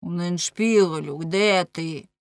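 A woman's voice: on the low side, slow, dry recording. A woman voicing a plump, flustered middle-aged man who whines and protests indignantly. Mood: distressed. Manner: indignant, whining.

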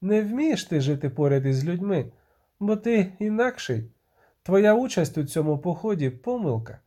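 A man's voice: high-pitched, sing-song, normal speed, dark tone, pitched above the performer's own voice. A man reading an audiobook, voicing a cold, proud sorceress who speaks dismissively. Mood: cold, scolding.

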